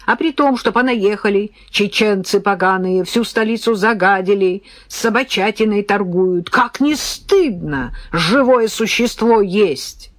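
A woman voicing a cantankerous old man, a quarrelsome pensioner, in an audiobook, talking slowly and querulously. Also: mid-range voice, no echo, lightly acted. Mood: querulous, indignant.

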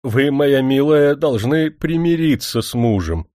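A man's voice: mid-range voice, lively intonation, unhurried, a little mellow, dry recording, studio quality, pitched above the performer's own voice, lightly acted. A man voicing a frail, tearful old former king in a spoken story, whining and pleading in a raised voice.

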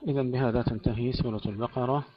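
A man teaching Quran recitation, moving between slow melodic recitation and brisk spoken explanation of pronunciation. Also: mid-range voice, fairly even intonation, muffled recording, slight background noise.

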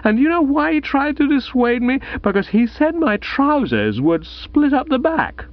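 A man voicing a tipsy, rambling upper-class young Englishman giving a loud, swooping speech in an audiobook. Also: very high-pitched, big pitch swings, moderate pace, muffled recording, voice pushed up. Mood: rambling oration.

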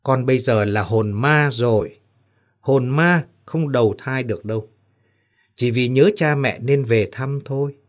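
A man's voice: mid-range voice, unhurried, natural voice. A man voicing the sorrowful ghost of a young son in an audio story, speaking sadly. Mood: mournful. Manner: sad, mournful.

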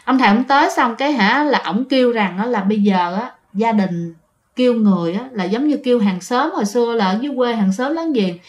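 Telling a ghost story with a Southern Vietnamese accent, this woman keeps it chatty and frequently talks straight to her audience. She speaks fairly quickly in a fairly high, animated voice.

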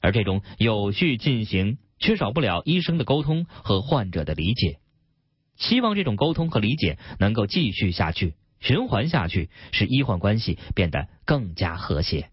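Husky-voiced man reading a story. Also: fairly low pitch, moderate pace, no room sound. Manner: calm, expressive storytelling. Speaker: radio health show host. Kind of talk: reading a story aloud on radio. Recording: dull radio broadcast.

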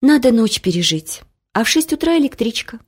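A woman's voice: fairly high pitch, very animated, a little fast, slightly rough, pitched above the performer's own voice. A woman reading the lines of a bold, practical young female friend in an audiobook story. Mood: brisk.

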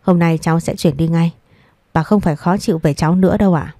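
A woman's voice: fairly low pitch, fast talker, no room sound, clean studio sound, close to an everyday voice. A woman voicing a humble, polite young woman in an audio story, speaking deferentially. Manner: soft, deferential.

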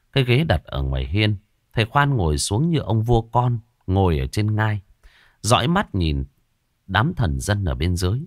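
A man narrating a scripted horror story in a dramatic, expressive way. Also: on the low side, no echo, studio quality.

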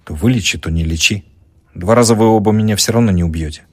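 A young student doctor speaks calmly and politely, firm when pressed, as a male narrator plays him. The tone is low and husky, a touch higher than the narration. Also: fast talker, dry recording, close to an everyday voice. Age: young adult.

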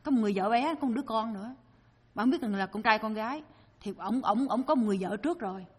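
A woman's voice: on the high side, fast, husky, in a large hall. A woman with a Southern Vietnamese accent giving a storytelling dharma talk. She acts out the people in her stories as she tells them. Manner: lively storyteller, acting out the people she quotes. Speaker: Buddhist dharma speaker.

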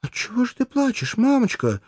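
A man voicing an innocent little girl in a high, childlike falsetto. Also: huge pitch swings, a little fast, a little mellow, breathy edge, dry recording, clean studio sound, full character voice. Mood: childlike plea.

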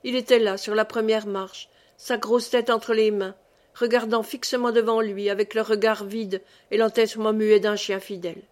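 A woman narrating a classic novel as an audiobook, reading at a measured, even pace. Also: mid-range voice. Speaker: audiobook reader.

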